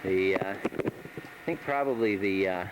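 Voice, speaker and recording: A man giving casual, halting commentary on an exploration video, recorded with a cave echo in an underground tunnel. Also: deep voice. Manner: halting, trailing off mid-sentence. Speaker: expedition narrator filming the trip. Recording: echoey underground tunnel, clear background noise.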